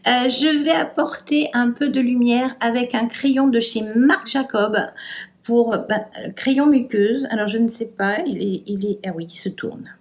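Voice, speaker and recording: A woman's voice: fairly high pitch, a little slow. A French woman chatting casually through a makeup tutorial, hesitant and trailing off with fillers as she works. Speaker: beauty vlogger.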